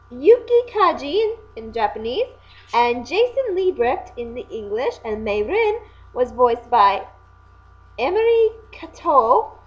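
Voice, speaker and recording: A young woman with a high voice co-hosts a casual video reviewing anime voice acting. She chats in an animated, excitable way, often correcting herself, and the home recording sounds dull and lo-fi.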